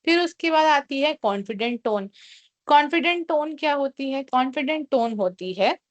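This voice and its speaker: A woman teaching a class, explaining each point in Hindi and reading English definitions out slowly. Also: sits high, expressive, no room sound. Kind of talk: classroom lecture.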